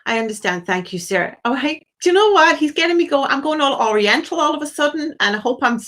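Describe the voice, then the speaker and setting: Her high voice has lively intonation, a fast pace and a fairly bright tone. As host of a live phone-in psychic show, she effuses endearments and blessings at a caller, relaying messages via quoted asides.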